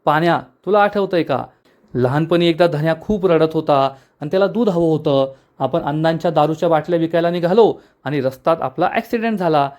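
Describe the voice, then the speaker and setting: A man's voice: a little high, fairly quick, a little mellow, lightly acted. A man voicing an earnest young male hero in a serial recap, speaking his lines plainly in his own voice.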